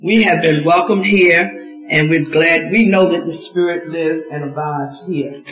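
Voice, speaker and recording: A woman from Baltimore leading a church gathering, talking in a relaxed, rambling way with many fillers. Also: low-pitched, measured pace, soft background music. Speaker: ministry leader.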